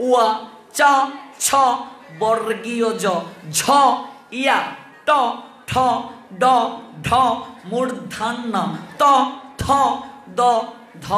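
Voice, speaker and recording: High-voiced man giving a slow religious talk. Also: sharp tone. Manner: patient and explanatory, spells things out step by step and asks listeners questions. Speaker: religious speaker on the Gita. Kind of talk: devotional teaching discourse. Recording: roomy echo.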